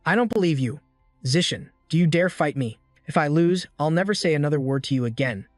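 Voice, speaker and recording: A boastful, hot-tempered senior student, voiced by a man in a comic story recap. He blusters and taunts in a slightly high voice. The sound is dry and close, with faint music under it. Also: expressive, brisk, no room sound, close to an everyday voice. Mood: angry.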